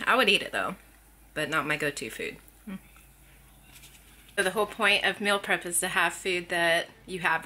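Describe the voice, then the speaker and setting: A woman in her thirties chatting casually while filming herself in her kitchen, thinking out loud as she goes. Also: lowish voice. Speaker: family vlogger. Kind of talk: casual vlog chat. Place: home kitchen. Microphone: handheld camera at arm's length.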